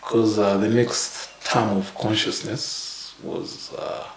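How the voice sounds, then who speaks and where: A man in his thirties from Uganda, a podcast guest telling his life story in a halting way with many fillers and little chuckles. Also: fairly low pitch, little pitch movement, roomy sound, slight background noise, rough recording. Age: 30s. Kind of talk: casual interview, life story.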